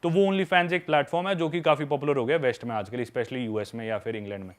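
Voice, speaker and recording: A man's voice: mid-range voice, fast. A young man, a podcast guest who makes travel videos, chatting casually and frankly as he tells stories from his trips. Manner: lively, frank, addresses listener as brother. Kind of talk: casual storytelling chat.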